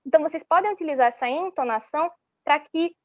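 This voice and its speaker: High-voiced young woman from brazil teaching public speaking online, dry muffled mic, keeps restarting phrases. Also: quick pace, dry recording. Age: young adult. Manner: explanatory, with restarts and repeated phrases. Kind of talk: online workshop lecture. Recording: slightly muffled, dull sound.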